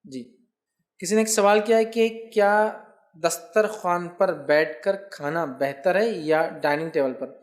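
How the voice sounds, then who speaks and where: Man explaining religious questions. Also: high-pitched. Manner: explanatory, often checks that listeners follow. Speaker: Islamic scholar answering viewer questions. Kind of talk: religious question-and-answer lecture.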